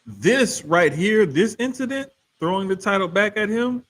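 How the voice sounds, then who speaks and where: Male wrestling podcast co-host. Slightly rough, unclear tone, emphatic and slangy delivery. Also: high voice, lively intonation, moderate pace, fairly bright tone. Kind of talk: casual chat, wrestling commentary.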